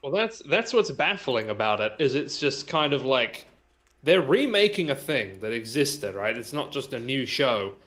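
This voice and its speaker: A man with a mid-pitched voice talks on a group stream. He builds his point step by step in a measured way. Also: big pitch swings, a bit bright. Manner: measured, reasoning aloud. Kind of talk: casual group chat on a stream.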